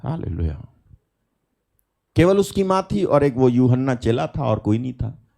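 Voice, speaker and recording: A man's voice: mid-range voice, animated, moderate pace, creaky, warm tone. A man preaching a sermon at a live prayer meeting, talking emphatically with rhetorical questions and calls of hallelujah.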